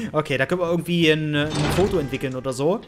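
A woman with a German accent giving jokey, excitable commentary on a horror game, shrieking at scares and chatting to her viewers over a headset mic. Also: deep voice, a little fast, noisy background. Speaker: let's play host. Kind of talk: gaming commentary.

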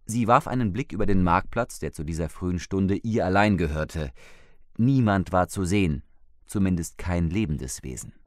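A man with a very low voice narrates a crime story at a measured, steady pace. The recording is close and completely dry, with no room sound. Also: no echo. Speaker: audiobook reader. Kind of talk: scripted narration.

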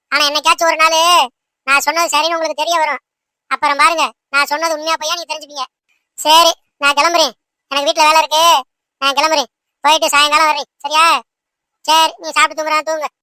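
A meddling old grandmother scolds and nags without pause in this cartoon. Her voice is high and quick, and the recording is close and dry with no room sound. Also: flat delivery, sharp tone, no echo. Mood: threatening. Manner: scolding, rapid nagging.

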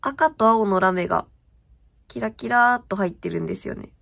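A woman's voice: mid-range voice, fairly quick, creaky, fairly bright tone. A young woman chatting casually as she shows off her stationery purchases, gushing and often asking viewers if the sparkle comes across. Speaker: stationery vlogger. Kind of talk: casual show-and-tell chat.

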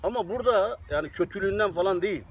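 A man's voice: high-pitched, racing, slight background noise. A man chatting casually outdoors, rambling and laughing easily as he talks about cooking for visitors. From Turkey. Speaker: interviewee, Turkish cook living abroad.

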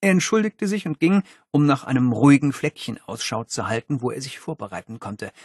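A man reading a children's audiobook as narrator, in a lively, expressive storytelling manner. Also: mid-range voice, a little fast, husky, dry recording, studio quality.

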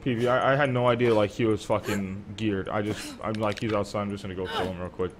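A man's voice: fairly low pitch, fairly even intonation, fast talker, background noise. A young man streaming an online survival game, chatting casually with teammates; he is sleepy, profane and trash-talking, and he rambles through stories.

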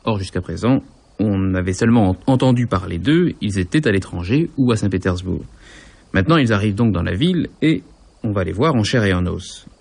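A man on a philosophy program, explaining a novel in a measured way, stressing key words. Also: fairly low pitch, expressive, gravelly, darkish tone, slightly rough.

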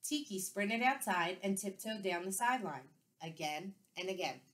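A woman second-grade teacher reading a children's book aloud with clear, expressive storytelling. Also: mid-range voice, moderate pace.

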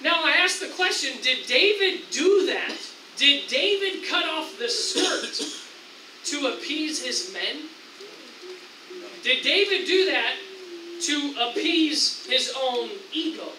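High, bright-voiced preacher in an echoey church. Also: male voice, slow pace, far from the mic, background noise. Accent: American. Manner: animated preaching, acts out tempters in excited raised voice. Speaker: pastor. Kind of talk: sermon. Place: church sanctuary.

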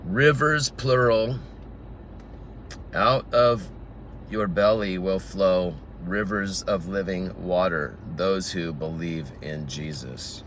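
A man's voice: sits low, takes it slowly, fairly bright tone, slight background noise. A man teaching the Bible informally outdoors in a garden, reading scripture aloud and explaining it verse by verse.

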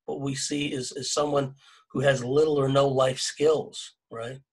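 A middle-aged man from California talks on a video-call panel from his home, in a gravelly, husky voice. He speaks earnestly and exhorts, often restarting his phrases and tacking "right?" onto points. The sound comes through a plain webcam mic. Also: medium pitch, level tone, unhurried, low-quality recording. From California, USA. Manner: earnest and exhorting, many restarts, tag questions.

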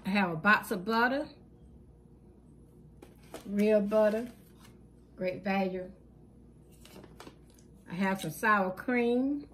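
This woman speaks at medium pitch with a somewhat bright tone, hosting her channel and narrating a grocery haul off camera at home. She lists each item plainly and without rushing, filling pauses often, over a little hiss or hum.

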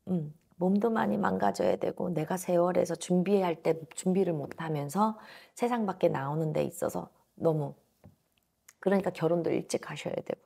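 A woman's voice: on the low side, vocal fry, darkish tone, husky. A woman in her thirties giving a blunt, emphatic fortune-telling reading to a client, speaking into a lapel mic in a small indoor office. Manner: blunt, emphatic, talks down informally. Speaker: fortune teller.

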